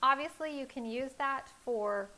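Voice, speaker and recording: Her high voice sounds pushed and bright, yet she takes an unhurried pace. A woman in her thirties hosting a home cooking show, she demonstrates a recipe from her kitchen on a lapel mic, explaining each step in a friendly, instructive way.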